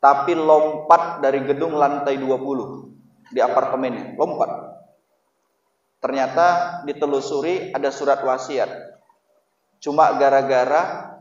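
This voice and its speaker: A man's voice: mid-range voice, a little slow, pauses often. A man preaching an Islamic sermon, often putting questions to his listeners. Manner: lively, asks the audience questions often. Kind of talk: Islamic sermon to a male audience. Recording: echoey hall, distant mic, dull lo-fi sound.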